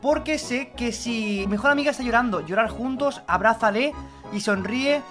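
A young man narrates a game with very high, bright energy. He jokes, swears and bursts into shouts as he reads out choices, with game music playing faintly behind him. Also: moderate pace. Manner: loud, swearing, jokey, shouts suddenly. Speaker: gaming YouTuber. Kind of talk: excitable gameplay commentary.

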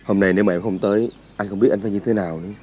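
A man playing an earnest young lover who speaks quickly in a lowish voice. He sounds reproachful. Faint noise sits behind him. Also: fairly even intonation, warm tone, close to an everyday voice.

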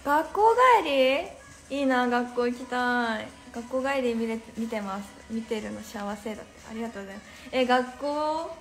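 High-voiced young woman chatting on her phone live, laughs a lot, roomy echo, faint music behind. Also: flat delivery, fast, few pauses. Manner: bubbly, laughs often, chatty with the viewers. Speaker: Instagram live host. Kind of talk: casual live-stream chat reading comments.

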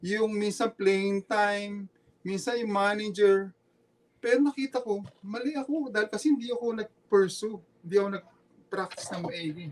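A middle-aged man with a Filipino accent speaks in a fairly high voice. He tells his story in a casual interview, earnest and halting, and he circles back to repeat his words. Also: steady tone. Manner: earnest, halting, repeats himself, mixes Tagalog and English. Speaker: former pro basketball player, guest. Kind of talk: casual podcast interview, personal testimony.

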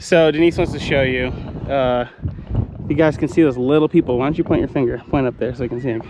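A man's voice: mid-range voice, steady tone, fast, noisy background. A man vlogging casually outdoors on sand dunes, laid-back and chatty, often saying "like", recorded on an action camera. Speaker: travel vlogger. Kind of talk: casual on-camera vlog chat.

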